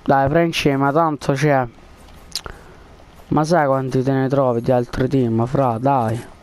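A man's voice: medium pitch, little pitch movement, slow, darkish tone. A man chatting casually over a game headset, rambling with lots of fillers and coaxing a friend during a prank. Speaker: gaming video creator. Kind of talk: casual gaming chat and prank.

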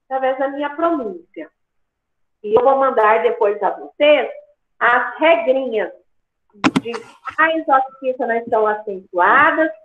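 A woman's voice: on the high side, reverberant, narrow, tinny audio. A woman teacher explaining grammar patiently to a class over a video call, checking in with "tá?" as she goes. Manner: patient, repeats points with "tá?".

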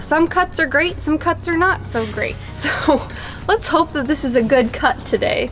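Against background music, a young woman on an outdoor deck talks casually about cutting her husband's hair at home, sometimes laughing at herself. Her high voice has lively intonation and an unhurried pace.

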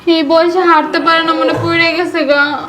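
A woman's voice: very high voice, flat delivery, moderate pace, roomy sound. A woman playing an anxious young woman of the family who calls out shrilly. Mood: alarmed. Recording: loud background hiss.

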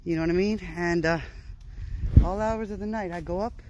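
A man's voice: high voice, steady tone, a little mellow, poor audio. A man vlogging outdoors on a short walk, talking in a weary, frustrated way with sighs and swearing. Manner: weary, frustrated, sighing, profane, drawn-out phrases. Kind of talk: casual vlog talk.

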